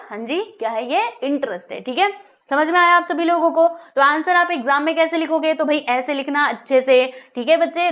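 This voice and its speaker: High and a little bright, this young woman's voice carries a math lesson full of friendly coaxing. She keeps asking her students questions and weaves English terms into what she explains.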